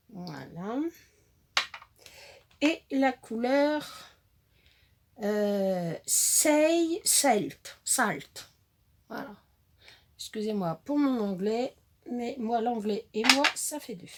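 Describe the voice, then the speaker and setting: A woman's voice: fairly high pitch, noisy background. A woman chatting casually while showing off a craft-supply haul, hesitant with many fillers and self-corrections. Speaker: crafting vlogger.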